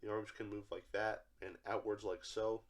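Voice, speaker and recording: Here a toy reviewer who hosts his own channel rambles through a casual action figure review, his voice stuffy and congested from allergies. The young man speaks at normal speed in a lowish voice with a level tone, using lots of fillers.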